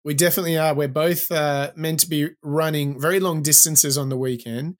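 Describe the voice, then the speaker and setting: A man's voice: on the high side, steady tone, a little fast. A man co-hosting a podcast in conversation, with a nasal, pinched-nose sound from recovering from the flu. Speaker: podcast co-host.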